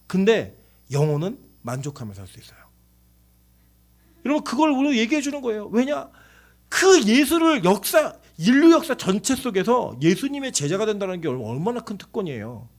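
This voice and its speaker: Male pastor, night service sermon; high voice, very animated delivery. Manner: animated preaching, acting out shouted quotes.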